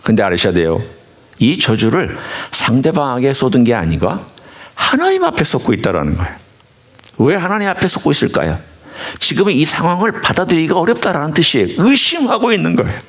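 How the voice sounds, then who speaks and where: Male pastor, sermon in a church, fairly high voice, pitch leaping up and down, animated, asks the congregation questions. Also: brisk. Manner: animated preaching, questions the listeners directly. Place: church sanctuary.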